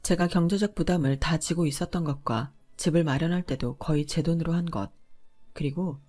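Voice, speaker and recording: A woman narrating a first-person radio drama story in a calm, confiding way. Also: low voice, fairly quick, soft background music.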